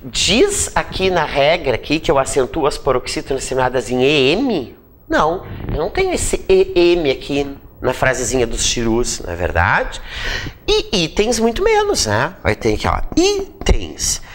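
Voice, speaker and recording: A man's voice: fairly high pitch, huge pitch swings, normal speed, a little hiss or hum. A man with a Brazilian Portuguese accent teaching a grammar lesson, repeating points and checking in with short tag questions.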